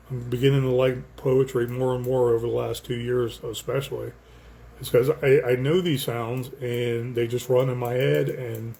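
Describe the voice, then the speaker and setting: A man's voice: medium pitch, gravelly, warm tone. An older man, a poet, talking casually and rambling through the lines of his own poem, thinking aloud with frequent fillers and restarts.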